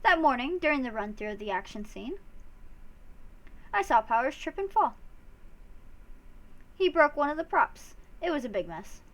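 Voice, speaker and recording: Woman doing a high, swooping, scolding old-lady witness for a game read. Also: big pitch swings, normal speed, pauses often. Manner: scolding, indignant, calls people sonny. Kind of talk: fan voice-over of a game.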